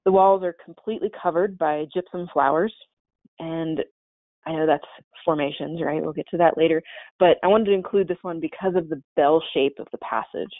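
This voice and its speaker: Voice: medium pitch, brisk, no room sound. A caver giving a casual, chatty slide-show presentation in a webinar, with many fillers and restarts. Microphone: webinar call mic. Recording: tinny, dry webinar call audio.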